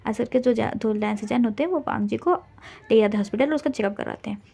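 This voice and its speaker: A young woman with a somewhat high, gravelly voice tells a drama plot in a relaxed, rambling way. Her tone is dark and mellow, and she stumbles, restarts and fills gaps as she goes. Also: quick pace. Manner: rambling retelling, many restarts and fillers, quotes characters flatly. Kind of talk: casual storytelling retelling a drama.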